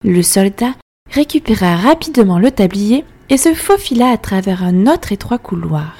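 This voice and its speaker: A woman telling a fairy tale in calm, expressive scripted narration. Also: mid-range voice, moderate pace, faint music behind. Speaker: storyteller.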